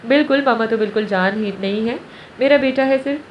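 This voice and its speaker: A woman's voice: a little high, natural voice. A woman narrator voicing a young mother who speaks plainly and complains, recorded distant and roomy. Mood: sulky. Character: exasperated young mother, sulking. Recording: roomy, distant, dull, faint hiss.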